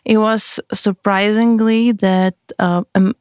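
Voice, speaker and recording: A woman's voice: medium pitch, fairly even intonation, slow pace, a little mellow, clean tone, dry recording, clean studio sound. Hesitant young woman from kazakhstan. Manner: hesitant, many fillers, non-native phrasing. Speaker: music artist guest. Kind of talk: casual interview chat. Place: recording studio.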